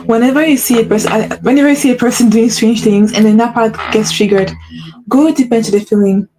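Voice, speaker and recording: Over music, a woman with a highish voice races through a solo motivational podcast as a spiritual coach, keeping her intonation fairly even. She's earnest and repetitive, checks in with "right?" again and again, corrects herself, and mentions a slight stutter. The audio quality is rough.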